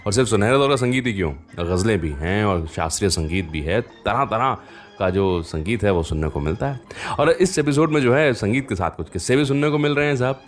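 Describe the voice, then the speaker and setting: Hosting a music radio program, a man shares stories in a talkative style aimed straight at the listener, leaning on plenty of rhetorical fillers. His voice is lowish and expressive, and he speaks fairly quickly.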